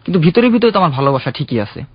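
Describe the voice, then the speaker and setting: A man's voice: fairly high pitch, sing-song, racing, slightly rough, no room sound. Young man earnestly telling his story. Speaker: caller. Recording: dull, dry radio studio sound.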